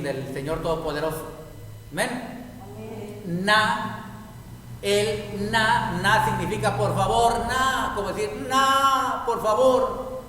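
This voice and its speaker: Male pastor, high voice, slow deliberate teaching, far from the mic, long hall reverb. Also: sharp tone. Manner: slow, deliberate explanation of each word. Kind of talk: sermon teaching on Hebrew prayer. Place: congregation hall. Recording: echoey hall, mic far off, faint noise.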